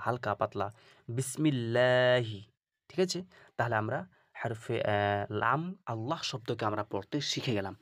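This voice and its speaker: A man teaches Quran reading in a patient, repetitive lesson style. His voice sits at a middle pitch and sounds close and dry, with no room echo. He checks in with the learner again and again and draws out example words slowly. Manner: patient and repetitive, often asking "ঠিক আছে?" and drawing out Arabic examples slowly. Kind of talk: instructional video lesson.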